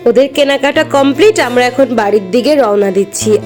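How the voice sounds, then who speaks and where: A woman's voice: on the high side, fast talker, darkish tone, faint music behind. A woman narrating a casual day-out vlog, chatting straight to her viewers. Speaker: vlogger.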